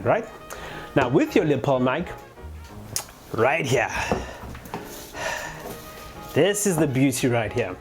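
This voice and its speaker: A chatty vlogger of unclear sex giving a casual how-to explanation and speaking directly to viewers. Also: medium pitch. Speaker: motovlogger presenting a gear tutorial. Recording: music playing behind the voice. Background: background music.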